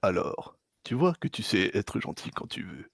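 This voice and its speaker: A man voicing a haughty, coldly threatening god of destruction in an anime dub, with a gravelly voice. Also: fairly low pitch, big pitch swings, normal speed, dry recording, full character voice. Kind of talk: amateur anime dub parody.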